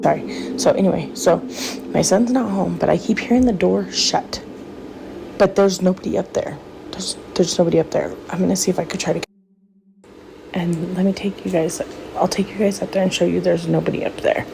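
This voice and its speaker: A mother films her dark house at night on a phone, panicked and breathless, whispering at times. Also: fairly low pitch, normal speed, creaky, background noise. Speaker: mother filming at home. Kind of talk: frightened home video recording. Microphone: phone camera in hand. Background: music.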